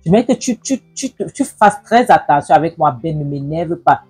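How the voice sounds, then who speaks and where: A woman voicing a defiant, indignant young wife who protests in a high, whiny voice. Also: expressive, normal speed, darkish tone, breathy edge, faint music behind.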